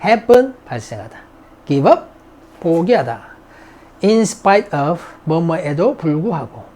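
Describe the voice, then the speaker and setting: Lively English-grammar teacher, slow drills. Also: mid-range voice. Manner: drills vocabulary, repeats words, chats to students. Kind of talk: recorded classroom lesson.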